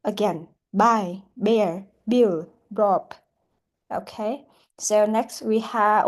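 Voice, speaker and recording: A woman teaching a pronunciation lesson, speaking haltingly with many fillers and repeated words. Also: a little high, darkish tone. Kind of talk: classroom lesson explanation.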